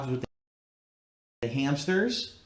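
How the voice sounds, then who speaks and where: A man's voice: very animated, extremely slow, slight background noise. A man streaming from a bare, newly moved-into house, his voice echoing like a cave off the empty rooms as he chats casually and rambles about his plans. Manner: rambling, plain-spoken. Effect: cavernous room echo from bare, unfurnished rooms. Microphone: laptop livestream. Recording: echoey empty room on a low-quality laptop stream.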